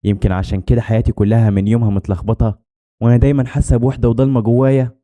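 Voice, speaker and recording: Egyptian male horror narrator, very fast delivery, dark low timbre, dramatic scripted read. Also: flat delivery. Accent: Egyptian Arabic. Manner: dramatic storytelling.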